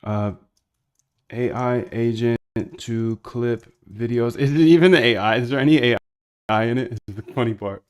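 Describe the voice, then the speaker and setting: Streaming his screen as he works, this man keeps up a loose, slangy patter aimed at chat. His mid-range voice moves at a moderate pace and sounds clean.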